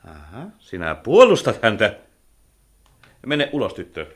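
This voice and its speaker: A stern old architect. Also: male voice, on the low side, huge pitch swings. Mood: commanding. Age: older. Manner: commanding, then wistful and gentle. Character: aging male architect, stern yet tender. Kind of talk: radio play acting.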